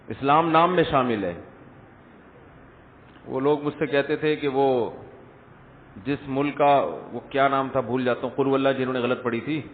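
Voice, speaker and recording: A man giving a Friday sermon lecture, conversational, full of rhetorical questions and light jokes, recorded in a large echoing hall through the speaker system. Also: mid-range voice. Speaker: religious scholar. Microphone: speaker system mic. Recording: echoey hall over tinny lo-fi line.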